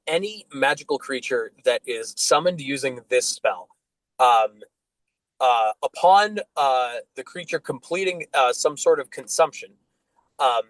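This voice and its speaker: A man's voice: mid-range voice, no echo, rough recording. Laid-back man running a game. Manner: relaxed, with many fillers. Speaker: dungeon master. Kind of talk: narrating a tabletop game.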